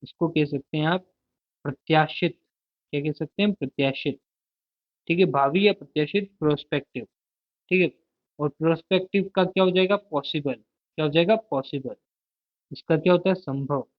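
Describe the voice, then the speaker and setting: A man's voice: a little high, moderate pace, pauses often, no echo. A man teaching a vocabulary lesson, asking a question and then answering it himself, repeating each word several times. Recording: tinny, dry, phone-like sound.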